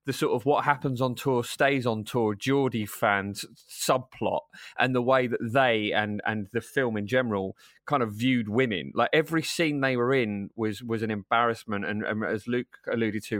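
A man's voice: on the low side, fairly even intonation, normal speed, a bit bright, no echo, studio quality. A man co-hosting a football podcast, ranting in casual chat with frequent restarts. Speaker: podcast co-host.

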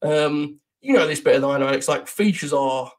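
A man's voice: fairly high pitch, a little fast. A British man, a podcast guest, chatting casually in a rambling, self-deprecating way. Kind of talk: casual chat.

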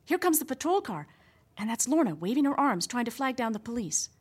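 A woman playing an excitable amateur camerawoman in a sitcom radio play, talking in breathless running commentary. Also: fairly high pitch, a little fast, husky. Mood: excited commentary. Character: excitable woman filming a stakeout.

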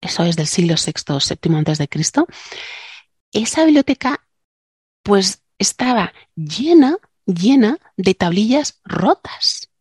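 A woman's voice: mid-range voice, big pitch swings, a little slow, slightly rough, no room sound, studio quality. A woman co-hosting a casual science podcast, a linguist who chats, jokes and explains things with digressions. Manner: chatty, joking, explains with digressions.

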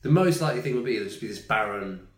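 A man co-hosting a casual podcast. He tells a long story with animation and slips into the voices of the people in it. His voice sits at a middle pitch and rings in a roomy, echoey space. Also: animated, quick pace. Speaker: podcast co-host. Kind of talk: casual chat.

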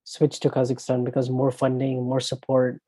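A man co-hosting a casual tennis chat, thoughtful and often trailing off softly. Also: medium pitch, monotone, moderate pace, dry recording, low-quality recording. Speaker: podcast co-host.

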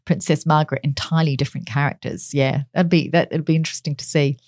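A woman's voice: low-pitched, steady tone, fast talker, darkish tone, no echo, studio quality. A woman chatting as a royal commentator, talking through frequent fillers and restarts. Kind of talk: casual radio chat.

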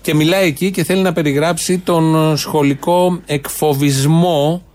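A man co-hosting a satirical political chat, talking in a dry, ironic, drawn-out way. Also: fairly high pitch, fairly even intonation, a little mellow. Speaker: podcast co-host.

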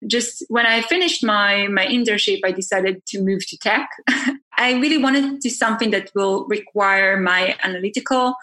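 A woman's voice: mid-range voice, normal speed, bright, forceful tone. A woman, a startup founder answering interview questions in an earnest way, often restarting her sentences. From Israel. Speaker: startup founder and CEO, podcast guest.

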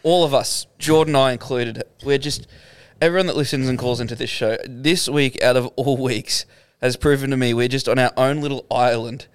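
A man's voice: medium pitch, steady tone, normal speed, smooth, dry recording. An Australian man hosting a casual podcast, rambling and jokey, with plenty of swearing. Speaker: podcast host. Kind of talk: casual banter. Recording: dry, with music behind.

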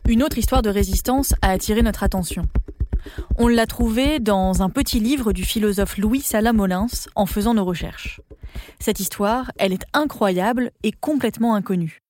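Woman narrating a history documentary, mid-pitched. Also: moderate pace, a little mellow. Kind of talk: scripted narration with conversational touches.

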